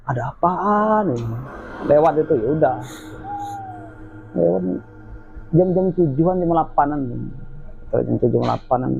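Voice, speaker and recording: A man's voice: a little high, unhurried, vocal fry, pauses often, faint music behind. A man as a guest, telling a spooky story from his own life in casual chat and acting out the voices of the people in it. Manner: lively retelling, acts out quoted voices. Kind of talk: casual spoken ghost story. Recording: dull lo-fi with faint noise.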